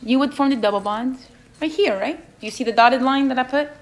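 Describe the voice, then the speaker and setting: Leading a chemistry exam review, a young woman with a non-native English accent asks her students questions and keeps checking with "okay?" Her voice sits high and she talks a little fast, with slight background noise.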